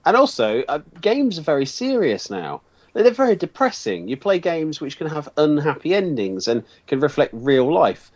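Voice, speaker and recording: A man's voice: fairly high pitch, sing-song, moderate pace, darkish tone, lo-fi sound. A man co-hosting a casual podcast, talking with enthusiastic, nostalgic musing. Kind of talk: casual chat about games.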